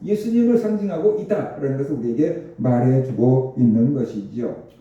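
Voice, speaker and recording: A man's voice: medium pitch, expressive, fairly quick, mellow, very echoey, recorded from a distance, highs cut off. A male pastor preaching a sermon, explaining Scripture and asking the congregation rhetorical questions. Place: church sanctuary.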